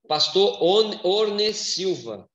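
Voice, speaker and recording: A man with a somewhat high voice gives a church lecture, reading scripture aloud and then explaining it. He speaks in a measured way with hesitant fillers. The sound is roomy and a little dull. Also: sing-song, fairly bright tone.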